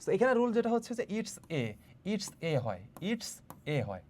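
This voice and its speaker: A man teaching an online English grammar lesson, asking his own questions and answering them, reading example sentences slowly and deliberately. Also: very high-pitched, huge pitch swings, darkish tone. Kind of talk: online exam-prep lesson.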